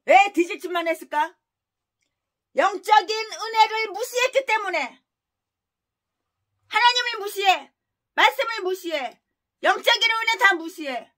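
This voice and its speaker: Woman pastor, sermon, very high and sharp-toned, harsh scolding delivery full of rhetorical jabs. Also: animated, unhurried, pauses often. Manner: scolding, crude insults and rhetorical questions. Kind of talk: expository sermon.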